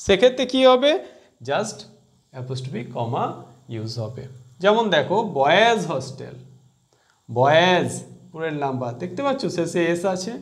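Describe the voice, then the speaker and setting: A man's voice: a little high, very animated, moderate pace, pauses often. A man teaching a grammar lesson, explaining step by step and quizzing his students.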